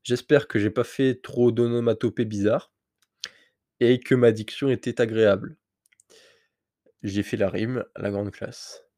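This casual solo podcast has its host, a man with a slight cold, telling a personal story candidly and ramblingly to the listener. His mid-range voice is steady and dark, with a measured pace and frequent pauses. The recording is dry and studio-clean.

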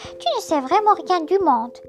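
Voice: very high voice, expressive, normal speed, pitched above the performer's own voice. A storyteller doing a bossy know-it-all rabbit. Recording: music bed behind voice.

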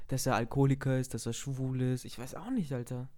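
A young man co-hosting a casual chat, relaxed and slangy, steering through the topic list. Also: medium pitch, fairly quick. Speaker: podcast co-host.

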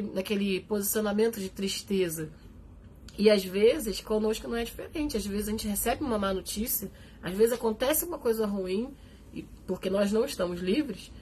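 A woman's voice: medium pitch, a little mellow, a little hiss or hum. A woman with a Brazilian Portuguese accent preaching a live sermon, earnest and encouraging, acting out the voices she quotes. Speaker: worship minister preaching.

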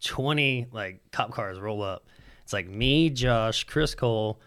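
A man's voice: fairly low pitch, slow pace, smooth. A man from Alabama, a skateboarder guesting on a podcast, telling stories in casual, profane chat and acting out what his friends said. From Alabama, USA. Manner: profane, animated, acts out quotes of friends.

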